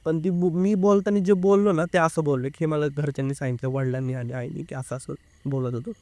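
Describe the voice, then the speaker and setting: A young man telling a personal story as an interview guest, speaking earnestly and haltingly, with filler sounds. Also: on the high side, steady tone, darkish tone, no echo. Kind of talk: casual first-person storytelling.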